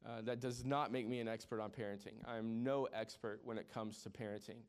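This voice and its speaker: A pastor in his forties preaches with a lowish, clean voice, steady in tone and a little fast. He's conversational and joking with the congregation, often restarting and repeating words.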